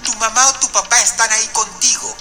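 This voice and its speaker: A man reading the lines of a calm female emergency operator, asking slow, measured questions. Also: very high-pitched, faint music behind, heavily acted.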